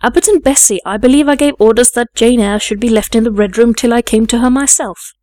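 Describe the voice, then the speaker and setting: A woman's voice: fairly high pitch, brisk, mellow, no room sound, clean studio sound, natural voice. A woman voicing a cold, imperious aunt who scolds in a formal, peremptory way in an audiobook story. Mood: commanding. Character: stern, cold, imperious aunt and lady of the house.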